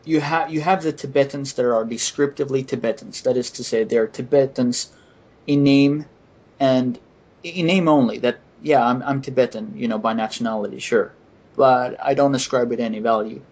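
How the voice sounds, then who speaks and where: Male podcast host, husky voice, hesitant delivery with many restarts. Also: mid-range voice, fairly even intonation, a little mellow. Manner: hesitant, halting, frequent restarts. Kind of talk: casual podcast discussion.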